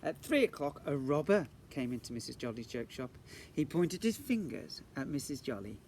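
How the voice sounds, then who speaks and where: In a garden setting, a teacher reads a story to young children in a very animated way, at a moderate pace. His voice is medium-pitched with a darkish tone, and he playfully mixes in questions and asides. Faint outdoor noise is in the background.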